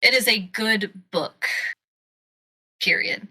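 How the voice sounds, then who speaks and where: Woman co-host, bright and easygoing, mid pitch, reads the outro. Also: sing-song, takes it slowly. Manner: agreeable, chiming in briefly, then reading a scripted sign-off. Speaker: podcast co-host. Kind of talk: casual book review chat.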